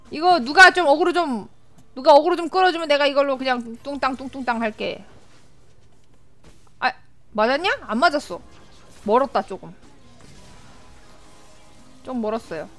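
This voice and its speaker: High-pitched excitable woman streamer. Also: a little slow, long pauses, soft background music. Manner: excitable, repeats words in bursts, frequent laughter. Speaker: game streamer. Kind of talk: live gameplay commentary.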